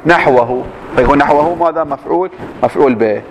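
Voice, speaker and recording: A male teacher with a somewhat high-pitched voice lectures in a classroom. He reads each passage slowly, then breaks it down with quick questions to his students. A faint hum sits behind him.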